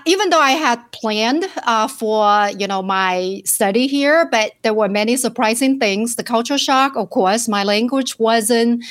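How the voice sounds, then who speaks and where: A woman in her forties from China with a Chinese accent, a guest telling her story in a casual interview and often pausing with "uh" as she searches for words. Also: on the high side, a bit bright. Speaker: guest, financial advisor.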